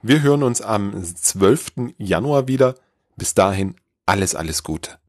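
A man's voice: lowish voice, expressive, a little slow, dry recording, clean studio sound. A man hosting a podcast, giving an upbeat scripted announcement straight to the listener. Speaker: podcast host.

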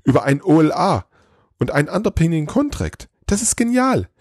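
A small, excitable elf bursts out in a high, breathless rush, as a man reads him in a storybook. His pitch leaps all over in his eagerness. The sound is close and completely dry. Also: moderate pace, no room sound. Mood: enthused. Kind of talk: storybook reading.

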